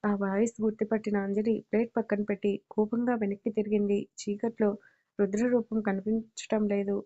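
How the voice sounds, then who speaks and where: A woman narrating a love story audiobook with a soft, even reading. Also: mid-range voice, fairly quick, muffled recording.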